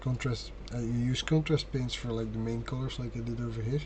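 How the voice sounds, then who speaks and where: A man with a Flemish Belgian accent, a native Dutch speaker, chatting casually and haltingly in English as he paints on an amateur livestream. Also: mid-range voice, fairly even intonation. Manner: apologetic, halting, thinking aloud. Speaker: amateur hobby painting streamer. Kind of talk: casual chat while painting miniatures on a livestream. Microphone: sensitive stream mic picking up breathing. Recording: noisy amateur mic with audible breathing. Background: clear noise, brush sounds.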